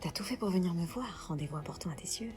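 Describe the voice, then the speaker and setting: A woman voicing a self-obsessed, flirty female teacher in a whispered role-play, with a low, husky voice. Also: animated, quick pace, warm tone, soft background music, close to an everyday voice. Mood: smug whisper.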